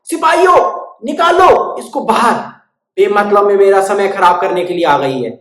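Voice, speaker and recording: A woman's voice: on the high side, normal speed, pitched above the performer's own voice, natural voice. Mocking, commanding king, as a woman puts him on, storybook reading, roomy echo. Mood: dismissive. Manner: loud, commanding.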